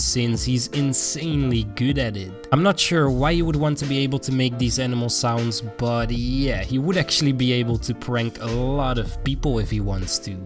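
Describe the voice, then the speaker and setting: A man hosting a countdown video, narrating from a script in an upbeat way and talking directly to viewers. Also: mid-range voice. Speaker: host. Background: music.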